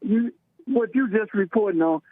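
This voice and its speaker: A man's voice: high-pitched, normal speed, no echo. A man calling in to a radio show over a phone line, blunt and argumentative with the host. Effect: caller's voice over a phone line. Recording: tinny phone line, dry.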